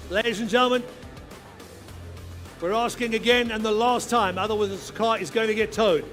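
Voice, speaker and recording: A male auctioneer runs a live sale in a very high-pitched voice. He is commanding and insistent, chanting figures and pressing for bids. Music plays behind him. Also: steady tone, normal speed, a bit bright. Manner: insistent, commanding, urging bidders. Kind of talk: live auctioneer chant, rapid repeated bid calls.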